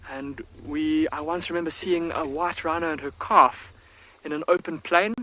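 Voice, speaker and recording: A man's voice: on the high side, fairly even intonation, moderate pace, pushed and bright. A man working as a field guide, giving live, enthusiastic wildlife commentary from an open safari vehicle and answering viewer questions. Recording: faint outdoor bush ambience.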